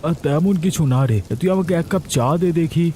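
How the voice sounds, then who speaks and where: A man's voice: on the high side, a little fast, warm tone, slight background noise, lightly acted. A man voicing a poor, kind-hearted ox-cart driver in a cartoon, earnest and worried. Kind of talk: Bengali cartoon voice acting.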